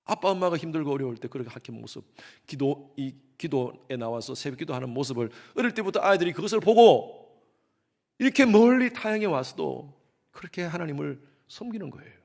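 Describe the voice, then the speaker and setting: Male pastor, sermon delivery, lively up-and-down pitch, slightly high voice, punches key lines loud, drops to quiet asides. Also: fairly quick, vocal fry. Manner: animated preaching, swings between soft asides and loud emphasis; acts out parents' voices in quotes.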